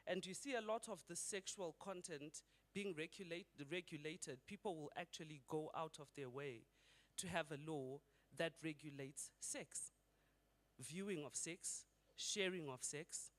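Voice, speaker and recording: A man's voice: on the high side, a little slow, fairly bright tone. A middle-aged man from Zimbabwe giving a conversational conference talk and putting rhetorical questions to the audience. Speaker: conference speaker.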